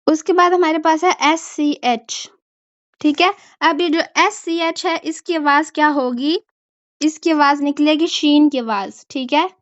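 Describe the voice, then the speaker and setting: A woman's voice: high-pitched, steady tone, a little slow, no room sound, muffled recording. A woman teaching a German language class, explaining pronunciation patiently and checking in often with her students. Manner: patient, repeats "ठीक है?" to check understanding. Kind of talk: online language lesson.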